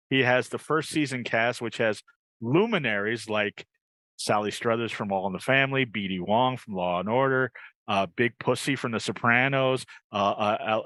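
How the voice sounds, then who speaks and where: A man with a mid-range, sharp-toned voice hosts a casual podcast over a video call, recorded with no echo. He rambles a little and repeats his phrases as he chats and reads plugs.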